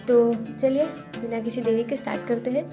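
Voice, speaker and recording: A woman's voice: on the high side, moderate pace, music in the background. A woman teaching a Hindi lesson, sounding out syllables and repeating each word twice. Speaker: home tutor teaching Hindi to parents. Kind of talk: slow spelled-out lesson.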